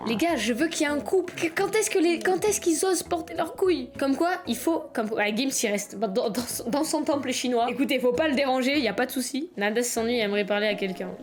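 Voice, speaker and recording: A young woman giving jokey, excitable let's-play commentary, often yelling in mock panic. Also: high-pitched, a little fast, few pauses. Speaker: gaming content creator.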